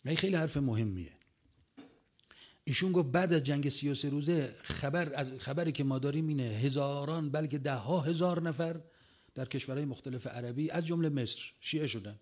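A man's voice: a little high, a little mellow. A man telling an audience about a long conversation, acting out the quoted lines as he retells them.

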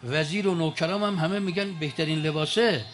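A man's voice: on the high side, a bit bright, lightly acted. A man doing a vain foolish king. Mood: musing.

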